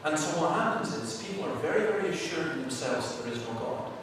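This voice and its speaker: At a church seminar Q&A, a quick-talking Scottish man tells animated stories, even acting out quotes by shouting them. Heard through a far-off camera microphone in a big, booming hall, his lively answers come with plenty of echo and background noise.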